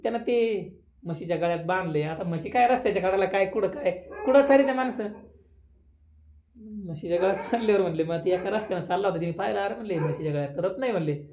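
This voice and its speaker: A man's voice: high-pitched, quick pace, a little mellow, slight background noise. A man, giving a devotional sermon at a village memorial gathering, talking conversationally and rising into emphatic questions. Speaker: kirtan preacher.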